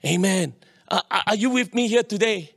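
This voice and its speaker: High-voiced Singaporean man preaching in Singlish. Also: normal speed, gravelly, fairly bright tone, no room sound, studio quality. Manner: colloquial Singlish with particles like leh, eh and huh; emphatic, repeats phrases and seeks audience response. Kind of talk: sermon with personal anecdotes to a congregation.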